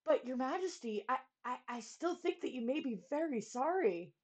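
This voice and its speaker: A woman's voice: high voice, lively intonation, normal speed, voice pushed up. A woman doing a timid, stammering page boy. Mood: worried. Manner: hesitant, stammering, soft.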